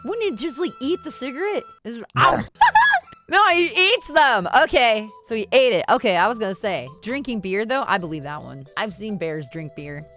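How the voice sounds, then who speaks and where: Over music, a streamer with a fairly high, expressive voice offers reaction commentary on a video. She keeps it loose and informal, using slang and stretching out amused exclamations.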